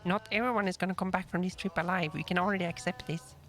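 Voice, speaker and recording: A woman playing a deputy in a game roleplay, chatting casually and deadpan about danger. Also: fairly low pitch, quick pace, soft background music, lightly acted.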